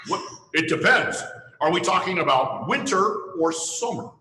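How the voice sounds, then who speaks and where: An actor playing a jolly, playful Santa Claus who reads a holiday story slowly and theatrically and chats with children. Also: male voice, sits high, expressive, sharp tone, in a large hall, slight background noise. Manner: slow, theatrical reading with playful chuckles. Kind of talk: holiday story reading and kids' Q&A.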